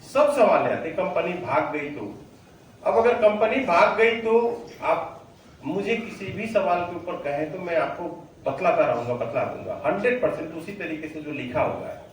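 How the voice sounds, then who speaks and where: A man leading a motivational sales training on stage, energetic and drilling his audience to answer loudly. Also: on the high side, moderate pace, a little hiss or hum. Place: hall with a stage. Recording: very echoey hall, voice from far off.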